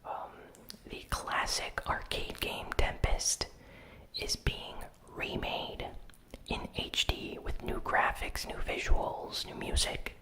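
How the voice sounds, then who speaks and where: The gaming news recap comes in a soft, breathy whisper with no voicing, delivered by a host in a relaxed, measured ASMR manner. Recording quality is rough.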